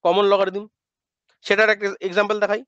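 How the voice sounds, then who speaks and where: Male math tutor, high voice, lecture delivery, talks back to himself in students' voice, dull close recording. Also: flat delivery, a bit bright, clean tone, no room sound. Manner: asks and answers his own questions in students' voice; drills pronunciation slowly, then speeds up. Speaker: math teacher. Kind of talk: classroom lecture. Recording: dull lo-fi dry sound.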